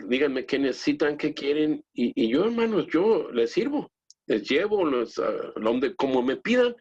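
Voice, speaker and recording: A man who is a lay pastor, teaching his congregation in an earnest, halting way with many restarts and direct appeals to the brethren. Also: mid-range voice, husky. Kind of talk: church teaching talk. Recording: dull lo-fi recording.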